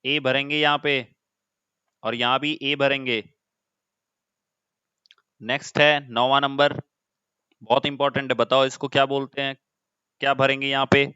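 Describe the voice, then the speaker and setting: A man's voice: mid-range voice, little pitch movement, normal speed, pauses often, bright, forceful tone, smooth, dry recording, highs cut off. A man teaching an online class, explaining step by step and often putting questions to his students.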